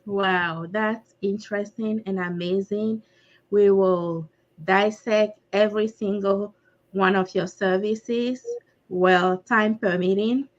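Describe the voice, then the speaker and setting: A woman hosting an interview show, asking questions in an encouraging, deliberate way. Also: medium pitch, steady tone, highs cut off. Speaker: host. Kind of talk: podcast interview.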